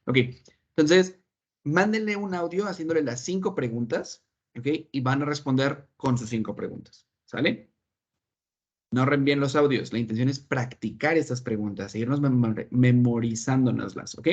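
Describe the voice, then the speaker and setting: A man's voice: medium pitch, moderate pace, muffled recording. A man teaching an online English class, patiently explaining and checking that his students follow. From Mexico. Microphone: video call.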